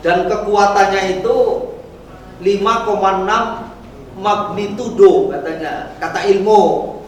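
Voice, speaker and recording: A man's voice: high-pitched, unhurried, a little hiss or hum. A man preaching a dawn sermon in a mosque, explaining terms and putting questions to the congregation. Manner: explanatory, asks the audience questions. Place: mosque prayer hall. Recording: echoey hall from far off.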